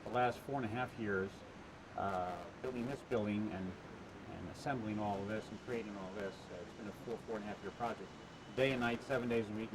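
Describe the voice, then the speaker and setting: A man answering interview questions about the attraction he built, halting with many "uh" fillers and restarts, heard on a worn tape copy. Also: lowish voice, noisy background. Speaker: attraction owner being interviewed.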